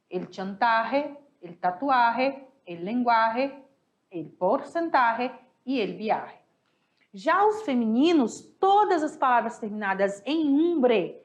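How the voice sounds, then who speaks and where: A woman teaching a recorded review lesson, talking affectionately to her students and explaining step by step with paired examples. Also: fairly high pitch. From Brazil. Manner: affectionate, chatty, addresses students as "galera". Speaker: Spanish teacher.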